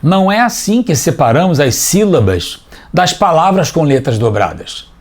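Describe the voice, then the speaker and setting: A man teaching a scripted TV language lesson for children, explaining clearly and patiently, step by step. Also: a little high, sing-song, normal speed.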